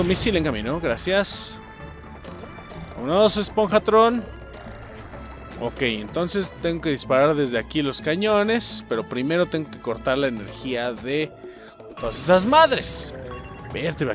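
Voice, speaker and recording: A young adult man with a Mexican accent giving casual, profane gameplay commentary and keeping up a running chat with his viewers. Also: on the high side. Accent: Mexican Spanish. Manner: excitable, profane, keeps addressing the viewers. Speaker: let's play host.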